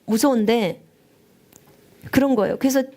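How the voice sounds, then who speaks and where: A woman missionary preaching a sermon, telling her story with strong emotion, at times rising high and near tears. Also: moderate pace, warm tone. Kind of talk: live-streamed sermon testimony.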